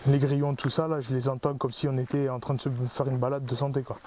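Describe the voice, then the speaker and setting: A man's voice: medium pitch, flat delivery, quick pace, noisy background. A man hosting a paranormal investigation outdoors in a forest, rambling as he explains his gear. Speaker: paranormal investigator, channel host. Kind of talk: casual on-location commentary.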